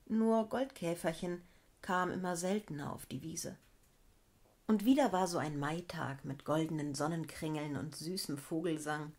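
A woman storyteller calmly narrating a fairy tale for children and adults. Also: fairly low pitch. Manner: calm, measured telling.

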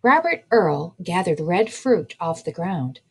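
Breathy woman reading a picture book aloud. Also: lowish voice. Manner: slow, expressive storytelling. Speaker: children's librarian.

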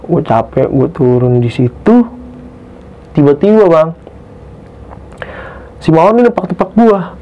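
A young man tells a true ghost story from a hike as a guest in casual talk. He gets excitable and keeps addressing the host as "Bang". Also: unhurried, long pauses. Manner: excitable, pitch jumps when tense, keeps calling the host "Bang". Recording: dull lo-fi podcast recording.

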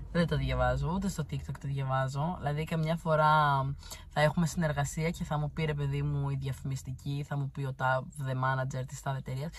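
Blunt, teasing woman vlogger. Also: low voice. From Crete, Greece. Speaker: vlogger answering viewer comments. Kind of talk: casual chat.

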